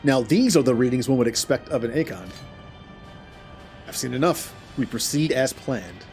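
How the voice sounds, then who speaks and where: A proud, grandiose fantasy game character, read out by a man. The speech is formal, archaic and declamatory, in a mid-range voice. Soft music sits behind it. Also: mid-range voice, expressive, normal speed, natural voice.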